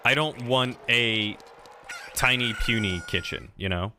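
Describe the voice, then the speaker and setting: A man's voice: mid-range voice, measured pace, noisy background. A young man casually chatting with viewers and reading their messages while streaming a video game. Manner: relaxed, chatty, reading chat aloud. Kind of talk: casual let's-play chat. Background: game music.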